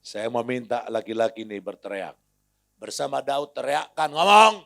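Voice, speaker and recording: A man preaching a sermon to a congregation in a church hall, alternating between quiet storytelling and loud shouted exhortation. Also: medium pitch, very animated, moderate pace, gravelly. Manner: addresses the congregation as friends, often calling out "hei". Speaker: pastor.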